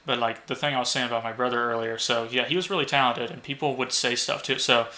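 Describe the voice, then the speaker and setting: A young man co-hosting a podcast, telling rambling stories full of swearing and loudly acted-out quotes. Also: mid-range voice, steady tone, fast talker. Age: young adult. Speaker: podcast co-host. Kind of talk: casual podcast chat.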